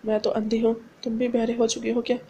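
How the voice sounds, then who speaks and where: A frightened blind young wife, pleading and quick to anger, as a woman narrator reads her. The voice sits fairly high and stays on an even, flat line. Faint noise hums behind it. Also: highs cut off, close to an everyday voice. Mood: annoyed.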